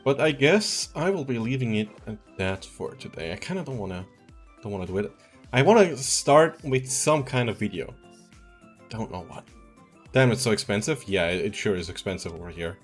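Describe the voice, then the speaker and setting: With a lowish, animated voice that has a breathy edge, a Swiss man in his twenties talks at a moderate pace while streaming a game at home. Laid-back and rambling, he chuckles often as soft music plays behind him.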